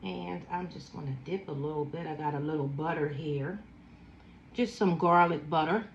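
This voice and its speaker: A woman's voice: low-pitched, creaky, echoey room, lo-fi sound, a little hiss or hum. A woman in her fifties with a Philadelphia accent, chatting casually while eating a seafood boil and savoring each bite. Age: 50s. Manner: slow, savoring, chatty with food sounds. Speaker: food vlogger.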